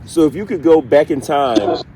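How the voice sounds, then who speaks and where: A man's voice: on the high side, lively intonation, dark tone. Man questioning a spirit, with background noise. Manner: deliberate, pausing, addresses an unseen spirit directly. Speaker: paranormal investigator, host. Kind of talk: slow spoken questioning in a spirit box session.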